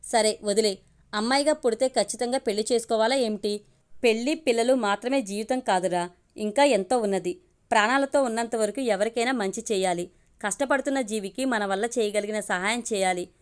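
A principled single mother speaks with calm, firm conviction, as a woman storyteller reads her part. The voice is a little high and steady, earnest rather than emotional, in a spoken family drama. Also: brisk, clean tone, natural voice.

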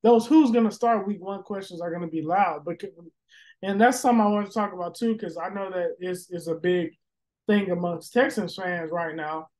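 A man with a fairly high voice talks football on a casual podcast. He rambles, circling back through fillers and restarts, and swears freely as he thinks out loud. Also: normal speed, low-quality recording. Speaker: podcast host. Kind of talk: casual sports podcast chat.

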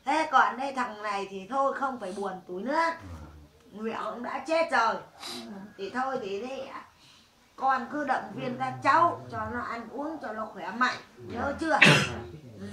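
Female spirit medium, bright piercing voice, coarse scolding delivery, recorded far off in a roomy space. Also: on the high side, normal speed, a little hiss or hum. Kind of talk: séance, speaking for the dead. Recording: echoey room, mic far off.

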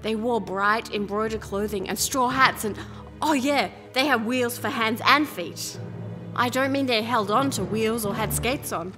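Speaking a little high and a little slowly, a young woman acts lightly as the lead and narrator of an audio drama, voicing a spirited, flippant princess. She handles both first-person narration and dialogue in a casual, wry, talkative style while music plays under her.

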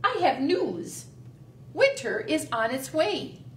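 A woman's voice: sits high, big pitch swings, slow pace, slight background noise, pitched above the performer's own voice, heavily acted. A woman voicing an earnest skunk who hurries to share news. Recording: roomy, distant mic.

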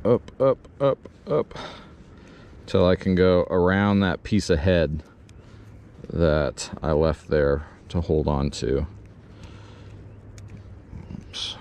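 This man's voice sits low. He's a fishing vlogger in his thirties, filmed on a chest-mounted action camera while fishing outdoors from a pontoon boat, and he walks through a bait rig in relaxed how-to narration that starts slow and easygoing, then grows excited once a fish bites.

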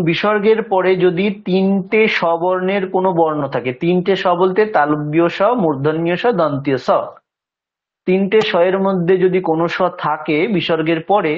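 A man teaching a language lesson, explaining pronunciation patiently and stretching out words syllable by syllable to demonstrate them. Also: high-pitched. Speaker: Sanskrit teacher. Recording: dull lo-fi recording.

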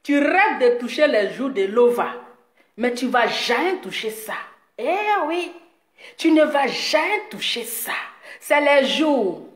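A woman talking straight to her viewers in a boastful, mocking rant, teasing her critic with drawn-out words and frequent laughs. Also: fairly high pitch, lively intonation. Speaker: video blogger addressing her audience. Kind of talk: boastful direct-to-camera rant. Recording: echoey room.

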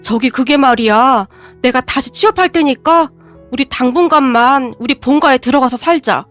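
A woman's voice: high-pitched, normal speed, fairly bright tone, faint music behind. A woman voicing a desperate husband who clings and begs in a whining tone, in a storybook narration. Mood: pleading. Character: pleading, begging husband in his thirties.

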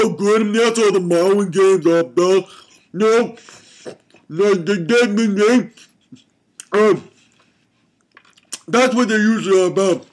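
Very high-voiced, slow-talking man. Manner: rambling, muttering, sudden angry outbursts. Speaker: comedy show host. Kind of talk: rambling comic game review.

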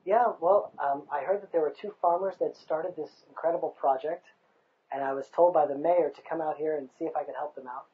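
An American man in his thirties speaks passionately in an outdoor interview on a hilltop overlook, recorded on a lapel mic. His voice is fairly high and fairly quick, emphatic and rhetorical, and the audio sounds narrow and tinny.

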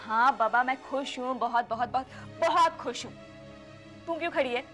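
Gentle elder sister, high and soft, music under her. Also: normal speed. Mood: playful. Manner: gentle, wistful, then coaxing. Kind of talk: TV serial acting.

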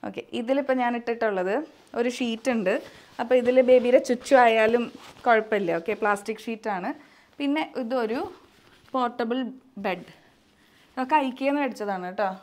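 A young woman, a mother chatting casually as she demonstrates her baby setup at home for a vlog. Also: on the high side. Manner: chatty, coaxing a crying baby in sing-song. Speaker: vlogger, mother. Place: home nursery indoors. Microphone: camera operated by someone else.

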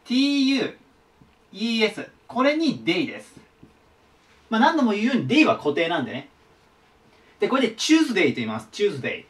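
A man's voice: high-pitched, huge pitch swings, fast talker, long pauses. A man giving a casual whiteboard lesson as an online tutor, chatty and sharing his own memory tricks. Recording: voice a bit distant from the mic.

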